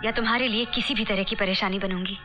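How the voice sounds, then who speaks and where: An actress playing a caring, lively young woman on a trip, in film dialogue with a dull lo-fi soundtrack and music. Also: medium pitch, fast, natural voice. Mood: somber.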